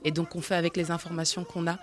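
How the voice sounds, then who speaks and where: A woman's voice: fairly low pitch, flat delivery, quick pace. A woman raised in France, a festival organizer, speaking earnestly as an interview guest about her event. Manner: earnest and promotional, lists names and plans.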